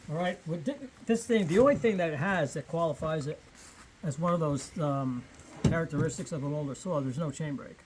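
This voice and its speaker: A man speaks in a thin, reedy, somewhat squeaky voice that sits a bit high. He explains things off the cuff like a hobbyist, rambling and pausing as he thinks aloud. There is noticeable noise in the recording. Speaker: vintage chainsaw hobbyist explaining features. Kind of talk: casual, unscripted explaining and chat.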